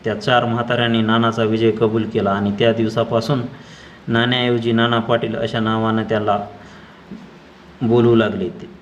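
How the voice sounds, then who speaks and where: A man reading a short story aloud in a steady, measured storytelling voice. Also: lowish voice, muffled recording, a little hiss or hum.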